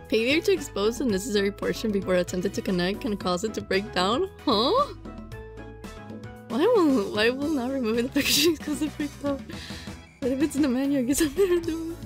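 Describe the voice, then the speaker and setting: Over music, a high-voiced woman at a moderate pace plays a visual novel, reading it with drama and reacting in a casual, lively, mock-exasperated way, sometimes stumbling over her words.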